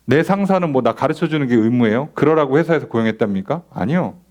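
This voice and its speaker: A man's voice: medium pitch, expressive, fast. A man pastor teaching a Bible study in a conversational way, acting out little dialogues and asking rhetorical questions. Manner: conversational, acts out imagined dialogues in a softer voice, asks rhetorical questions. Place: church.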